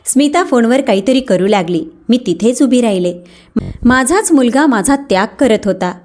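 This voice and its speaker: A woman narrating a first-person story in a plain, steady reading voice. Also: fairly high pitch, moderate pace.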